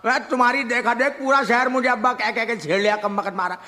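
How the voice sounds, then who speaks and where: A man's voice: very high voice, fairly even intonation, fast, sharp tone. A man in a comic sketch, irritable and scolding, laughing as he rants. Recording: hall reverb with clear noise.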